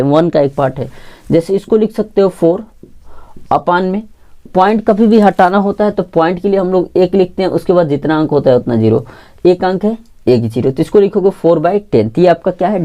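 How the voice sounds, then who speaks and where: A woman's voice: lowish voice, mellow. A woman teaching a math lesson for exam preparation, who keeps asking the class questions, answering them herself, and repeating the key points. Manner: repeats key points, says "theek" often.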